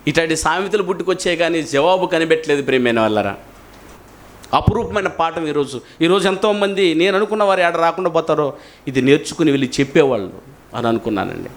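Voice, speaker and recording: A male pastor preaching a sermon in an animated way, often putting questions to his congregation. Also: fairly high pitch, a little fast. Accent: Telugu.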